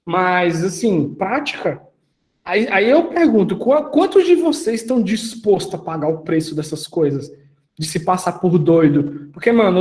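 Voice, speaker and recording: Brief: male mentor, higher-pitched voice, lively and slangy, quizzes his listeners. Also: echoey room. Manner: animated, slangy, asks the audience questions. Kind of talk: casual mentoring talk.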